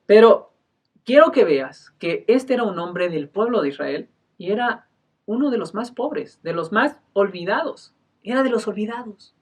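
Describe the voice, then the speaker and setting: A male pastor giving a sermon, emphatic, moving between loud and soft delivery and often clearing his throat. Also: high-pitched, lively intonation, moderate pace, far from the mic.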